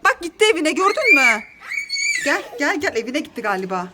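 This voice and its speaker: Inside her apartment, a mother in her thirties films her kids for a casual family vlog, flustered and laughing as she cheers them on. Her high-pitched voice swings widely and moves fairly quickly over heavy background noise.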